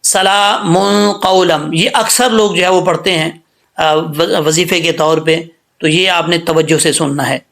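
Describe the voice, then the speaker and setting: A man with a fairly high voice gives a patient recitation lesson. He spells each word out sound by sound, then draws the verse out in a slow, melodic chant. He keeps stopping to ask his listeners whether they follow. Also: steady tone, a bit bright. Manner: checks understanding with repeated questions. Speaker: Quran recitation teacher. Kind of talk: tajweed lesson, spelling words letter by letter.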